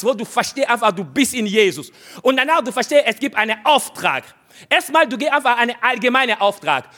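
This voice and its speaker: Speaking straight to the congregation, a man preaches with a high-sitting voice that sounds pushed and bright, pounding out brief, repeated exhortations.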